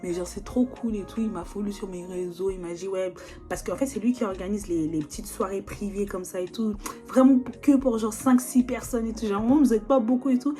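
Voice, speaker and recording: A woman's voice: medium pitch, fairly even intonation, brisk, mellow. Chatty young woman, faint music. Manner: chatty, slangy, full of fillers. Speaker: vlogger. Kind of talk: casual chat. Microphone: phone or video call.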